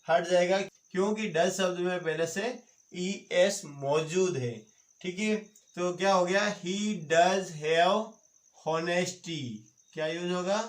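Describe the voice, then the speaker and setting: Slow, high-voiced man teaching with quiz questions. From India. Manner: quizzes viewers with repeated questions. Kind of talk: online grammar lesson. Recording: roomy echoey home recording.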